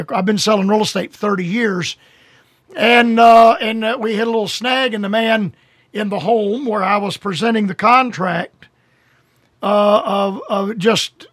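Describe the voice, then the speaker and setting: An older man delivers a radio sermon in a high, husky voice. He stresses his points earnestly, slowing down and drawing out key phrases. The sound is dry and close to the mic. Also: a bit bright, no room sound. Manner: earnest, drawn-out emphatic phrasing. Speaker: radio preacher.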